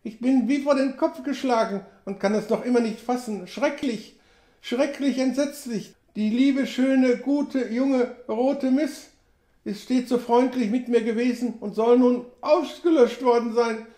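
Casting: Mann als schwatzhafter alter Westmann, hohe Stimme, knappe Umgangssprache, hallig. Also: male voice, very high voice, unhurried, mellow, voice pushed up. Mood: shaken. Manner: colloquial, drops pronouns, exclaims often. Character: chatty, folksy old male frontier trapper. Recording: roomy echo.

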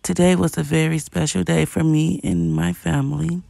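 A woman giving a casual vlog voice-over, chatting to her viewers in an unhurried way. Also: deep voice, fairly even intonation, vocal fry, warm tone, no echo, poor audio. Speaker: family vlogger.

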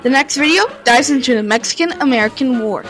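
Fast and a bit bright, a woman's high voice reads a history narration aloud for her video, with faint music underneath and low-quality sound. The delivery is casual and slightly stumbling, rising suddenly whenever the story takes a new turn.

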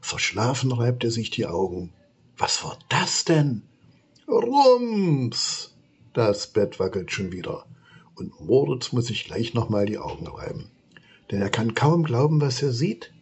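A man reading a children's story aloud in an expressive storytelling manner. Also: lowish voice, slight background noise. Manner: slow, expressive, lively storytelling.

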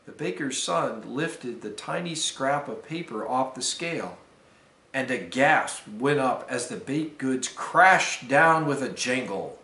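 A man, a deacon, reading a fable aloud to students in a careful, measured storytelling manner. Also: mid-range voice, animated, bright, forceful tone. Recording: roomy echo.

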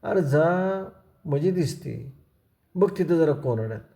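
A man voicing a calm, teasing older village man who talks in rustic, unhurried speech. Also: on the high side, creaky.

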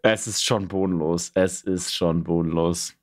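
A young man streaming, casually reacting to videos and breaking into high shrieking outbursts. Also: fairly even intonation, a little slow. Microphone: studio mic on arm, headphones.

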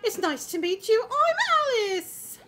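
A woman voicing a friendly female koala neighbor in a deliberately bad mock Australian accent. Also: very high voice, lively intonation, noisy background. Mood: chirpy.

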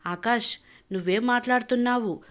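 A woman voicing a desperate young bride who pleads loudly and tearfully. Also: on the high side, normal speed, pitched above the performer's own voice, natural voice. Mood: pleading.

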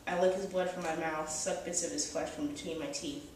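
Woman reading dark fiction, echoey cafe. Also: deep voice, a little hiss or hum. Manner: steady, measured reading from the page. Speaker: author reading her fiction. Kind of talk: first-person dark fantasy reading. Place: small cafe with brick walls, indoors. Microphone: far camera, no close mic. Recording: very echoey cafe, mic far off.

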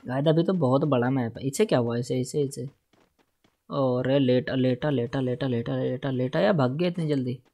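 A man doing live gameplay commentary, talking straight to his viewers, repeating words in quick bursts and humming la-la while he plays. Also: mid-range voice. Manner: excitable, repeats words in rapid bursts, hums la-la while playing; talks directly to viewers, asking for follows and shares. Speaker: gaming livestreamer.

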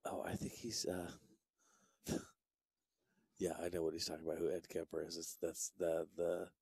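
A man giving soft-spoken, agreeable commentary on a pool match, often dropping close to a whisper. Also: low-pitched, completely flat delivery, moderate pace, vocal fry, husky, no room sound. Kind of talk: relaxed live play-by-play commentary.

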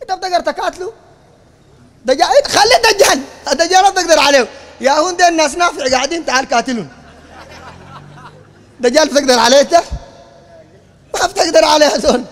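A man's voice: extremely high pitch, fast, pauses often, a bit bright, big-room sound. A man with a Sudanese Arabic accent, giving a heated religious lecture in a combative, mocking, lecturing tone. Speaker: preacher.

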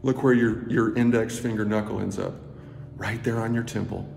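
This is a man in his thirties on the low side of pitch, with vocal fry, a darkish tone and fairly even intonation. He teaches a movement practice as he walks a building stairwell, filming on an arm's-length phone, speaking slowly with murmured asides that nearly become whispers. The sound is echoey, with noisy ambience.

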